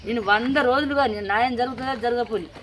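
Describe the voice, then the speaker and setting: A distraught woman with a Telangana Telugu accent talks quickly, pleading and repeating her demands for justice. Her grief sits under every sentence. Faint background noise runs beneath her voice. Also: a little high. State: grieving, distraught. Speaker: grieving mother of a murdered daughter. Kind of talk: emotional interview testimony.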